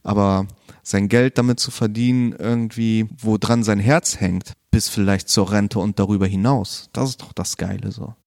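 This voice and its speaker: With a gravelly, lowish voice at a moderate pace, this podcast guest, a martial arts trainer from Bremen, Germany, talks in a relaxed, laid-back way full of slang and fillers. The casual chat is recorded in clean studio sound with no echo.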